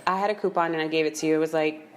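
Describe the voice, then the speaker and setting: A woman's voice: low voice, steady tone, rapid-fire. A young woman co-hosting a podcast in casual chat, rambling and cutting in with fillers. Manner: chatty, interrupting, rambling with fillers. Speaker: podcast co-host.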